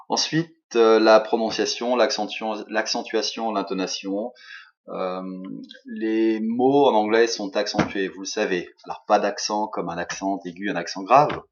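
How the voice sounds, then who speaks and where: Hesitant slow-talking French teacher man. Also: on the low side. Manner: hesitant, many fillers, switches between English and French. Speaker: English teacher. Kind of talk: recorded lesson feedback. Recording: dull lo-fi recording.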